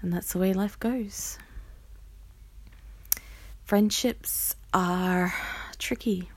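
A woman podcast host recording a casual, confessional audio diary in a halting, reflective and sometimes playfully theatrical way, her breathy voice often trailing into a near-whisper. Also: mid-range voice, steady tone, a little mellow, slight background noise. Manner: reflective, halting, with pauses and sighs.

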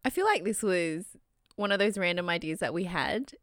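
A woman's voice: on the low side, lively intonation, moderate pace, a bit bright, no echo, studio quality. A woman in her twenties with an Australian accent, co-hosting a podcast in a teasing, casual way. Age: 20s. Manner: teasing, laughs often. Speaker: podcast co-host. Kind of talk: casual chat.

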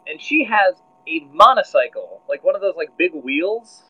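A man's voice: high voice, very animated, normal speed, sharp tone. A man running a tabletop role-playing game as game master, narrating casually with many fillers. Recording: dull lo-fi sound with faint music.

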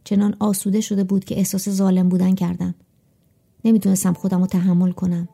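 Dark, gravelly woman narrating a story. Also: mid-range voice, completely flat delivery, soft background music. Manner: measured, reflective storytelling. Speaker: audiobook narrator. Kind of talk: first-person audiobook narration.

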